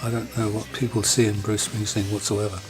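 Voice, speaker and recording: A man's voice: fairly low pitch, level tone, fairly quick, over music. An English man recalling his band days in an interview, wry and dry, often stammering as he restarts. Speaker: guitarist interviewee. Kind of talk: reflective interview recollection.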